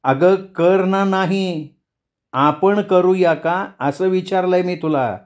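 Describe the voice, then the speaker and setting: A worried, loving mother, middle-aged, coaxing and then stressing every word with firm patience, as a male storyteller puts her on. Her voice sits a little higher than his usual telling. It is a gentle, homely voice from a spoken story. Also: moderate pace, natural voice. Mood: insistent. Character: caring anxious mother, woman, middle-aged.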